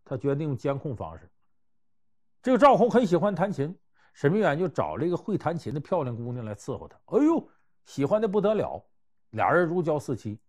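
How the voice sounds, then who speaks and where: A man telling historical and everyday anecdotes to give life advice, conversational and animated, swinging between loud and hushed. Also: on the high side, fairly quick. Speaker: storyteller giving life advice. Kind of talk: anecdotal storytelling talk.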